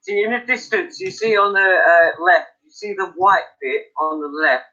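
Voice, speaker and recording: A man hosting a live stream from his attic, telling animated stories, laughing and swearing freely in casual chat. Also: high voice, moderate pace. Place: indoors by an open attic window. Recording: dull lo-fi stream audio.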